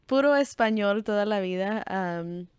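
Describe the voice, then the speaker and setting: A woman's voice: mid-range voice, unhurried, a little mellow, clear, resonant tone, dry recording. A young Texan woman telling her story as an interview guest, often dropping English fillers like "so" into her Spanish. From Texas, United States. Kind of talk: casual interview conversation.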